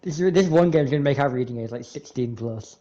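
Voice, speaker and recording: Young man, casual mid-pitched voice. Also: brisk, dark tone, muffled recording. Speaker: gaming co-host. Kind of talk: casual banter.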